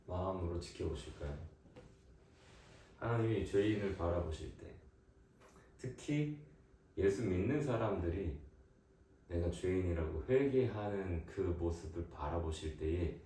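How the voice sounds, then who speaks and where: A man preaching to his family at home, posing questions and pressing his points with growing emphasis. His voice is fairly low. It sounds far from the mic in a strongly echoing room. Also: warm tone. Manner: asks questions, building to emphatic exhortation. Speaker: leader of family worship. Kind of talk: home sermon. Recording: echoey room, distant mic.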